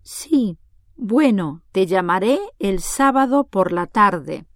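An actress playing Carmen, a sociable young woman of nineteen, in a scripted exam dialogue, speaking clearly and carefully. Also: mid-range voice, animated, no echo. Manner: clear, careful delivery, numbers read slowly. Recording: dry studio recording.

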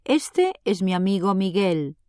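Carmen, a bright, sociable young woman in a language-exam dialogue. She speaks slowly and clearly, and her voice moves with lively expression. It is a dry studio recording. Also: medium pitch, no echo. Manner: clear, careful delivery, numbers read slowly.

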